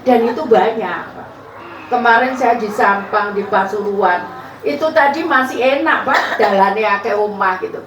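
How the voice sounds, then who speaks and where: A woman's voice: mid-range voice, unhurried. A woman with an East Javanese accent, a political candidate giving an informal campaign speech as chatty storytelling with frequent laughs. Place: community event space. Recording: echoey, distant, noisy room.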